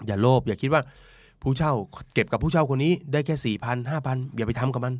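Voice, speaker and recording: A middle-aged man speaks as a podcast guest, blunt and folksy, dropping jokes and acting out what others said. He talks quickly, and the recording is dry and close with no room sound. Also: mid-range voice, a little mellow, no room sound. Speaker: money coach, guest on podcast. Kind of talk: casual podcast conversation.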